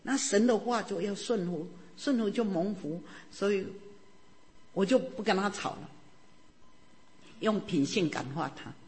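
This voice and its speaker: A woman's voice: mid-range voice, measured pace, long pauses, a little mellow. A woman from Taiwan, giving an earnest, fervent church testimony. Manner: earnest, fervent preaching with tag particles. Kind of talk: testimony sermon. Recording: long reverb of a large hall.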